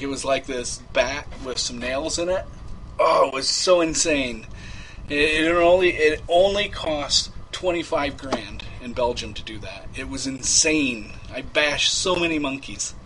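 A man voices an unhinged rich young man who rambles through a prank call, stuttering and restarting constantly. His voice sits somewhat high and sounds bright and forceful. Faint noise hums under the line. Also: rough recording. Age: 20s. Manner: rambling, stammering, full of fillers. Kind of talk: prank call comedy bit.

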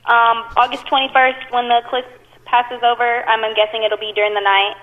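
A woman's voice: on the high side, level tone, fairly quick. A woman working as an apartment office receptionist, taking a call on speakerphone with a cave-like echo and answering politely and hesitantly with frequent ums. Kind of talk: phone call with a prankster. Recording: tinny phone line with cave-like speakerphone echo.

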